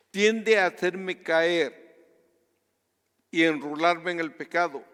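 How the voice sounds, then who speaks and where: A man from Guatemala preaches a sermon at an unhurried pace. His voice sits high and comes through clean and smooth. The sound carries a long reverb, as in a large church hall. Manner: earnest, measured preaching that drops to a hush on personal stories. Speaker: pastor.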